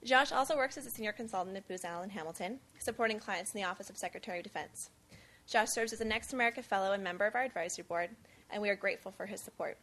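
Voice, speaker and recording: A young woman in her twenties giving formal, measured prepared remarks as she introduces a panel at a conference. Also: medium pitch, fairly bright tone. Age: 20s. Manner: measured, reads from a script. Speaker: event speaker introducing a panel. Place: conference event on stage.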